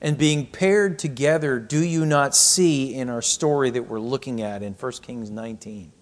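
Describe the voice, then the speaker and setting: A man's voice: medium pitch, normal speed. Male pastor preaching, mid-range voice, scripture reading and rhetorical questions. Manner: reads scripture aloud, then reflects with rhetorical questions. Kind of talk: sermon.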